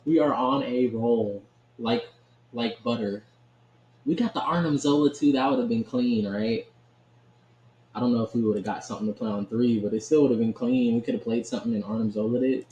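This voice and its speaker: This gaming host's card-game commentary is relaxed and talkative, full of laughter and "right?" check-ins. His medium-pitched voice is mellow, brisk, and steady, the audio is dull, and the echoey room carries faint ambient noise.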